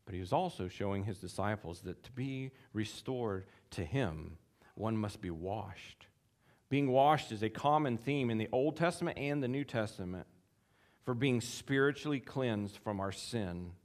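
Animated man preaching a sermon. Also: measured pace. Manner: animated, acts out quotes with big pitch jumps; chuckles between points. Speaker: pastor.

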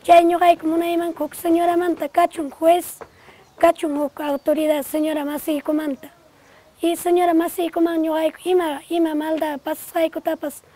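A woman from Peru speaks in a documentary interview with an earnest, steady appeal. Her voice sits very high yet sounds soft and mellow. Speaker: woman interviewed about justice.

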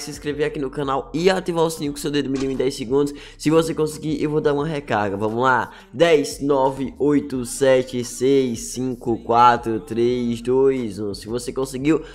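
A Brazilian man giving casual, chatty, slangy gaming news, his voice slightly choked by swollen, inflamed tonsils or throat. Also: medium pitch. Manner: chatty, slangy, peppering sentences with tags. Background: music.

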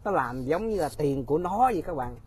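A man's voice: a little high, lively intonation, a little fast, a little mellow, slightly rough. A man giving casual, mocking political commentary straight to his viewers, often laughing.

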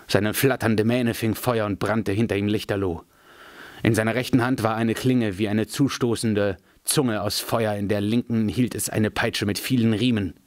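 A man reading a fantasy novel aloud in a measured, dramatic storytelling manner. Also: fairly low pitch, no echo. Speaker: audiobook reader.

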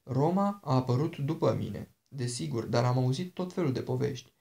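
A man's voice: medium pitch, expressive, vocal fry, dark tone. A man voicing an ancient princess, a charming and dangerous woman who talks in a sweet, persuasive, coaxing way.

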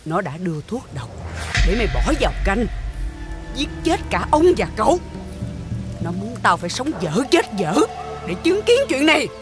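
An actress playing a stern, wealthy matriarch who scolds harshly, with a Southern Vietnamese accent. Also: female voice, mid-range voice, sing-song, moderate pace, long pauses, natural voice. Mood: angry scolding. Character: stern wealthy household matriarch, commanding and furious. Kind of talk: TV drama acting. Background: music.

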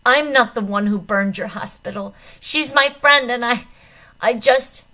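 A woman voicing a desperate young man who shouts in anger and grief. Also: mid-range voice, slow, gravelly. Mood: furious shouting. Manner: shouting, voice breaking.

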